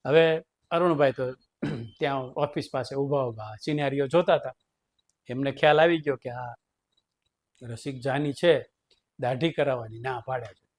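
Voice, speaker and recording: A man's voice: mid-range voice, normal speed, long pauses. A man telling a humorous story, chuckling often between sentences.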